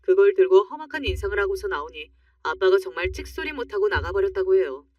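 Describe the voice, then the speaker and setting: Woman narrator, first-person life-story reading, mid-pitched, dry muffled sound a little off-mic. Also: quick pace, dry recording. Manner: calm, confiding first-person telling. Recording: dry, muffled, slightly distant.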